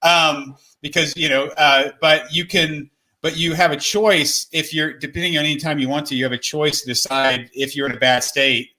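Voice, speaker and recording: Bright-voiced man, halting conversational delivery. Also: a little high, fairly even intonation, poor audio. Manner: halting, rephrases often. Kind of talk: casual reflective conversation.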